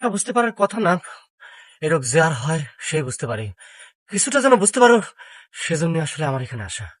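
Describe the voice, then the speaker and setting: Lovesick village suitor in a TV drama: shy, rambling, slightly high voice, Bangladeshi Bengali accent, dry close sound. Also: male voice, big pitch swings, fairly quick, dry recording. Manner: rambling, hesitant, flowery confessions. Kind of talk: television drama acting.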